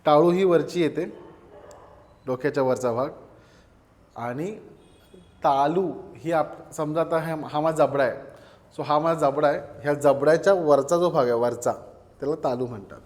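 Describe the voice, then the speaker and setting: Man teaching a grammar lecture, fairly high voice, asks questions and answers them himself, long reverb. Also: normal speed, pauses often, a little mellow.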